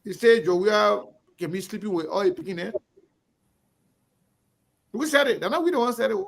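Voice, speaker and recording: With a high-sitting, expressive voice marked by vocal fry, a middle-aged Liberian man talks at a moderate pace. He hosts an online talk show, delivering a passionate, repetitive monologue in a Liberian English accent with a preacher's cadence.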